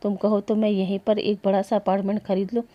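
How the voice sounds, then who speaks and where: A woman's voice: medium pitch, flat delivery, quick pace, lo-fi sound, lightly acted. A woman voicing a possessive, bossy rich young man in a story she narrates. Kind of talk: storytelling voice acting.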